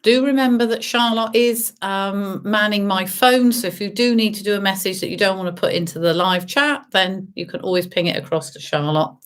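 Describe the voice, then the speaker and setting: Casting: woman, mid-pitched bingo caller, sing-song rhyming calls, chatty and teasing online host. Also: brisk, hardly any pauses. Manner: sing-song number calls, drawn out then repeated; chatty, teasing asides to remote players. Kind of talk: bingo calling with traditional rhyming number calls and chat to players.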